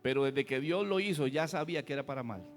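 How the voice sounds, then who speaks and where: A man's voice: medium pitch, fast talker, in a large hall, faint music behind. A man preaching a fiery, folksy sermon as a pastor, full of rhetorical questions. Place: church.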